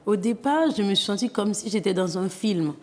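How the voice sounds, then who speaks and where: Earnest and often hesitant, a guest author from Haiti in her thirties testifies in an interview with a Haitian accent. Her voice sits in the mid range, expressive and darkish at a normal speed, and the recording has a big-room sound.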